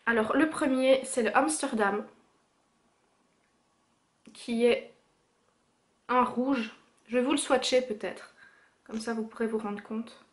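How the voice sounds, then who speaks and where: A woman's voice: a little high, slow pace, pauses often. Chatty young woman beauty vlogger. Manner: chatty, many fillers and self-corrections. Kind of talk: casual haul video.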